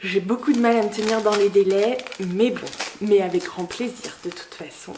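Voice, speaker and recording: A woman's voice: medium pitch, steady tone, normal speed. A young woman unboxing gifts in a casual vlog, gushing and exclamatory, full of fillers and little delighted cries. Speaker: book vlogger. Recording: noisy home recording.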